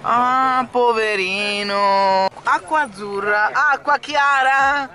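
A woman's voice: fairly high pitch, slow, bright, forceful tone. A woman, vlogging casually in emphatic, exclamatory speech and repeating herself. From Veneto, Italy. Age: 20s. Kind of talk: casual vlog chat and commentary. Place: in a moving car and on busy city streets. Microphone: handheld camera at arm's length. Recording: noisy city street and car ambience.

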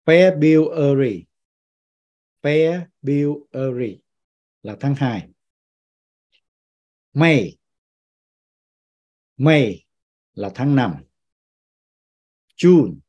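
A man's voice: medium pitch, lively intonation, extremely slow, long pauses, darkish tone, highs cut off. A man teaching a citizenship vocabulary lesson who repeats each English word and then explains it. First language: Vietnamese. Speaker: pastor teaching citizenship class.

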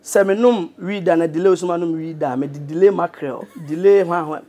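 A Ghanaian man in his thirties with a somewhat high voice and a Ghanaian accent. He talks as an interview guest, joking and laughing often, in a loose, animated conversational tone. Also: fairly quick. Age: 30s. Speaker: interview guest, radio presenter and producer. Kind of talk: casual interview chat.

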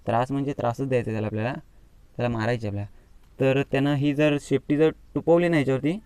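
A man's voice: mid-range voice, clear, resonant tone, no echo, rough recording. Chatty Konkan man filming on a phone. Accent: Konkani Marathi. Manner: chatty, excitable, mild swearing at the scorpion. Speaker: vlogger. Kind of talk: casual outdoor demonstration vlog. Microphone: phone camera.

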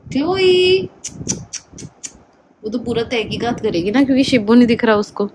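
A woman with a somewhat high voice films a casual home vlog. She coos over her dog in doting baby talk, then explains things to her viewers in easy chatter. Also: steady tone, quick pace, background noise. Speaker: vlogger and dog owner.

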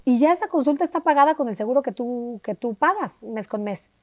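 A Mexican woman, an interview guest, telling a personal story in a lively way and acting out the voices of the people she quotes. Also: on the high side, fairly quick, background noise. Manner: animated, acts out quoted dialogue with shifting voices. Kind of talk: conversational storytelling.

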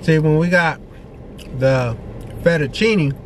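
A man's voice: a little high, takes it slowly, slight background noise. A man co-hosting a food vlog, chatting casually and easygoing about the food and the spot. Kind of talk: casual food review chat.

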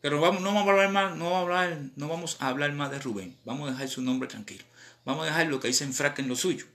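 A man with a Cuban accent, a rapper chatting casually on a live stream in animated, slang-filled talk. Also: fairly high pitch, quick pace. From Cuba.

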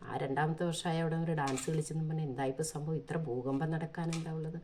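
A woman with a low, mellow voice speaks in an earnest, pleading monologue. She is from Kerala and drives her points home with one rhetorical question after another. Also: steady tone, fast, slight background noise. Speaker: vlogger. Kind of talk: impassioned opinion monologue.

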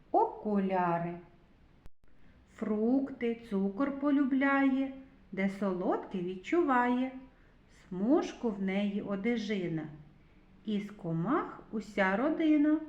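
A kindergarten teacher with a somewhat high, slightly mellow voice gives a literacy lesson to preschoolers, carefully spelling out sounds and praising the children. The recording is echoey and a bit dull.

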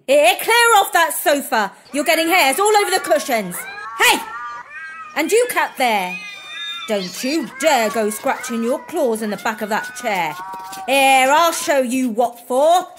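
A narrator voicing a bossy, bad-tempered elder sister who scolds and domineers in a shrill, high voice. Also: very animated, measured pace, faint music behind. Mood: scolding. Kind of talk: storybook character voice.

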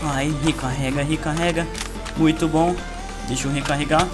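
Brazilian male gaming youtuber, boastful running commentary, slightly high voice, over loud game music. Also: fairly even intonation, normal speed. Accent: Brazilian Portuguese. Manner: playful, boastful, talks to viewers. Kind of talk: excited gameplay commentary. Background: loud game music and gunfire.

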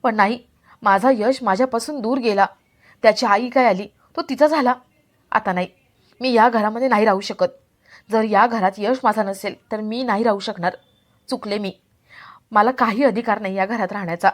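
A woman voicing a grieving middle-aged stepmother who speaks quietly and sounds withdrawn. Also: mid-range voice, moderate pace, natural voice. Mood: hurt. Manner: quiet, subdued.

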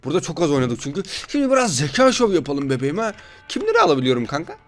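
A man's voice: a little high, wildly swooping pitch, very fast. A sleep-deprived man giving casual, playful gameplay commentary as a gaming YouTuber, joking with his viewers.

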